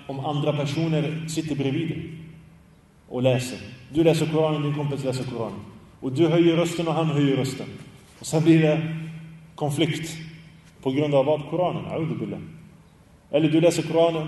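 A man's voice: fairly high pitch, dark tone, reverberant, long reverb tail, distant mic. A man teaching a religious study class, asking his students questions and chanting Arabic quotations in a sung tone. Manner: asks the class questions and answers them; recites Arabic phrases in a sung tone. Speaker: Islamic teacher.

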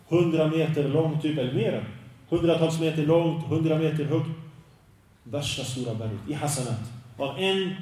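A man giving a slow, deliberate religious lesson in Swedish, dropping Arabic phrases in as he teaches. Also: fairly high pitch, darkish tone. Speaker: preacher. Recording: very echoey room, voice from a distance.

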